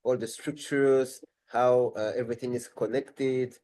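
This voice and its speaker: A man's voice: medium pitch, fairly even intonation, a little slow, warm tone, slight background noise, rough recording. A man with a French accent, a language tutor talking in a live webinar, thinking aloud and rephrasing as he goes.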